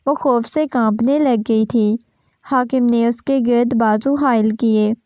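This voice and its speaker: Woman reading a novel, kinda high but mellow voice, steady pace, dull dry lo-fi sound. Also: no echo. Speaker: narrator.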